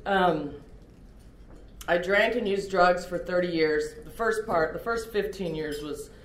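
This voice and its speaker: A middle-aged woman from Oklahoma, USA, speaks at a recovery meeting, giving a candid and self-deprecating personal testimony. Her voice is on the low side at a measured pace, recorded in a roomy, echoey room.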